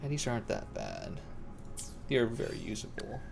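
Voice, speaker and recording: A young streamer narrates his gameplay live, slangy and rambling as he talks to himself over game music. His mid-range voice is creaky, swings hugely in pitch, and moves at a moderate pace.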